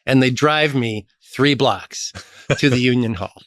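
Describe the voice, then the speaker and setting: A middle-aged man from Chicago, a guest in an interview, telling lively stories about his career. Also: measured pace, dry recording, studio quality. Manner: animated storyteller, lively pitch jumps. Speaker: podcast guest, association executive. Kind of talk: storytelling interview.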